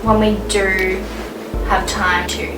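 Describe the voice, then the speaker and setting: A woman's voice: mid-range voice, little pitch movement, takes it slowly. A young Australian woman in her twenties, chatting casually as a vlog co-host, filling her talk with "like". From northern New South Wales, Australia. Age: 20s. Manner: chatty, full of "like" fillers. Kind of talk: casual chat. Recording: roomy sound, mic at a distance, music under.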